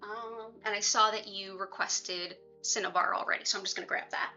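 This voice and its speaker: A woman's voice: medium pitch, fairly even intonation, a little fast, bright, forceful tone, dull audio, faint music behind. A woman hosting a casual livestream, talking conversationally with her viewers and making chatty asides. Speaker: livestream host and reiki practitioner.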